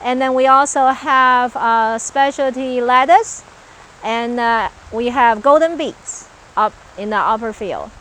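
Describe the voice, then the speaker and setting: An agricultural researcher from Taiwan, speaking with a Taiwanese accent, describes her farm work in an explanatory interview recorded outside on a farm. Her voice is slightly high, slow and a bit bright, and her earnest, list-like account includes some hesitations. The recording is rough, with a little hiss or hum.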